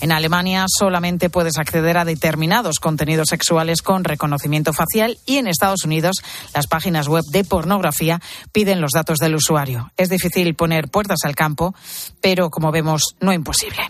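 A woman presenting a radio news feature in a lively, conversational way. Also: low voice, fairly quick, no echo.

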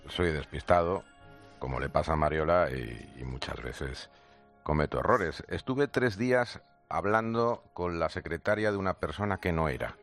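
Deep, animated storyteller. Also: male voice, moderate pace, soft background music. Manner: chatty storyteller, acts out dialogue. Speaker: radio show contributor. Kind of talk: anecdote telling on radio. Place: radio studio.

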